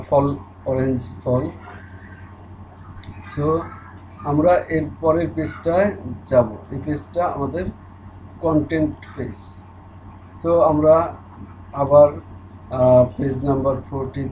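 A male teacher works through a textbook, reading each line slowly before explaining it. His voice sits a little high and his pace stays leisurely. Faint background noise hums behind him. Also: a little mellow, poor audio. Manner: reads English lines slowly, then explains in Bengali. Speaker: English teacher.

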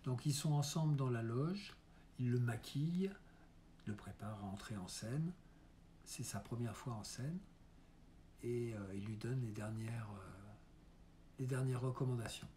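Calm, slow-spoken man introducing a reading. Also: mid-range voice, a little hiss or hum. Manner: calm, hesitant with fillers. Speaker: reader.

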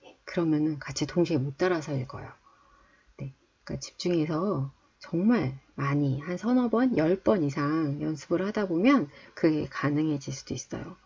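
A woman hosting a reading book club, explaining English idioms and repeating each phrase slowly and deliberately. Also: low voice, darkish tone, breathy edge. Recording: dull lo-fi recording.

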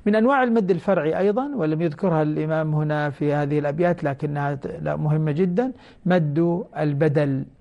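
A man teaching Quran recitation rules on a television program, explaining each rule and then chanting short example verses slowly, calling the listeners his brothers. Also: on the high side, creaky, dark tone, lo-fi sound. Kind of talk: televised tajweed lesson. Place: TV studio.

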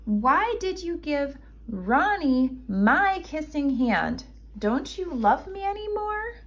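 Woman doing a high-pitched, plaintive little boy raccoon. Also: big pitch swings, slow pace, fairly bright tone, heavily acted. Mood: sad, hurt. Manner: plaintive, childlike questioning. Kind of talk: children's storybook read-aloud.

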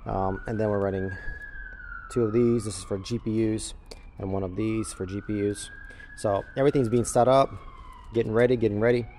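On a handheld camera or phone, a crypto mining farm operator films a casual, unscripted walkthrough of a large indoor warehouse with a concrete floor, explaining things matter-of-factly. His voice sits on the low side, steady and mellow, a little fast, with a slight hiss or hum.

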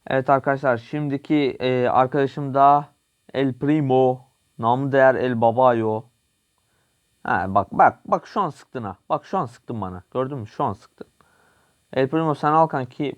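A young man giving casual, excitable commentary while playing a mobile game, coaching his teammate and repeating short calls. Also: mid-range voice. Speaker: gaming channel host.

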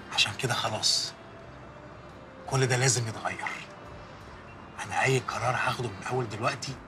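A man's voice: mid-range voice, close to an everyday voice. An actor playing an insecure man who confesses his feelings of inadequacy and vows never to leave a woman again, speaking intensely in Egyptian Arabic. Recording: distant voice under loud music.

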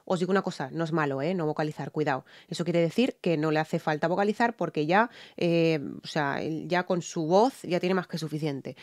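A woman's voice: sits low, a little fast, hardly any pauses. A woman with a Spain Spanish accent, a singer giving casual reaction commentary and explaining vocal technique with lots of fillers. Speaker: singer reacting to and analysing a song.

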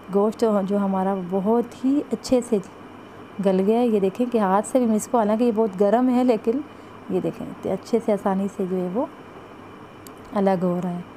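A woman's voice: medium pitch, dark tone, a little hiss or hum, rough recording. A woman talks through a recipe step by step as a cooking vlogger. She keeps saying "jo hai" and points to the pot while she cooks in her home kitchen. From Pakistan. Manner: chatty, repeats "jo hai" and "ye dekhein" while showing the pot.

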